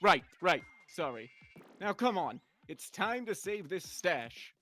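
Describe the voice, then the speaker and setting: A man playing an excitable, vain, dim-witted Luigi in an amateur comedy story, rambling and exclaiming in a hammy way. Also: high voice, slow, full character voice. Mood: eager.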